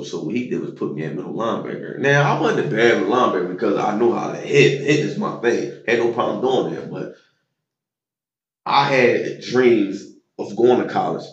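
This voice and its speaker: Low-voiced man telling old football stories. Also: reverberant, muffled recording. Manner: loose, slangy, with many fillers. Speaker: interview guest, former football player. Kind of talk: casual storytelling interview.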